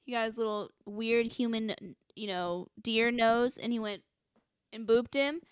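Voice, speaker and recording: A young woman co-hosting a casual podcast, animated and acting out characters as she talks. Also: on the high side, measured pace, clean tone, dry recording, studio quality. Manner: animated, acts out characters in quotes. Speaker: podcast co-host. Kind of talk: casual chat about a film.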